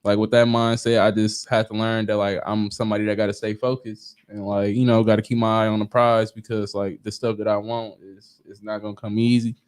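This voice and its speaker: A man's voice: on the low side, flat delivery, brisk, hardly any pauses, a little mellow, clean tone. A man of twenty with speech, rambling casually with lots of fillers as a podcast co-host. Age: 20s. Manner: easygoing, rambling, heavy on filler "like". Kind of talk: casual group chat.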